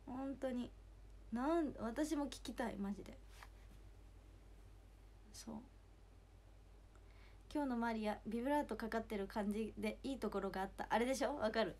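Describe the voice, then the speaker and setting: A young woman with a hoarse voice, chatting casually on a livestream, giggling and thanking viewers by name. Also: a little high, normal speed, pauses often, a little mellow, a little hiss or hum. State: hoarse after two shows. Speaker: idol livestreamer reading fan comments.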